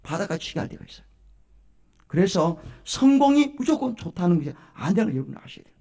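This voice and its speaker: Brief: male pastor, a little high-pitched, lively storytelling sermon to a congregation. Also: fast talker. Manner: animated storytelling, questions to the congregation. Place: church service.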